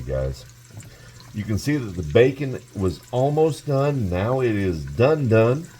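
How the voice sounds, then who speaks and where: With a lowish, warm voice, this man hosts a relaxed cooking tutorial at home, talking directly to the people watching and repeatedly calling them "guys." There's slight background noise. He runs a cooking channel and stays chatty throughout.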